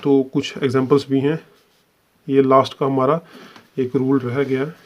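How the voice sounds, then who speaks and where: A man's voice: mid-range voice, little pitch movement, measured pace. A man teaching a shorthand lesson, explaining step by step and mixing English terms into his Hindi. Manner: explains step by step, repeats "ठीक है" often. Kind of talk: online lesson.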